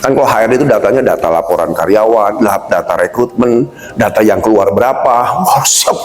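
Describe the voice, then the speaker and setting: A man's voice: fairly low pitch, a little fast. A middle-aged man giving a casual seminar on workplace communication, chatty and slangy, acting out bosses and coworkers as he talks. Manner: animated, acts out quoted bosses and coworkers. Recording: roomy hall with faint music.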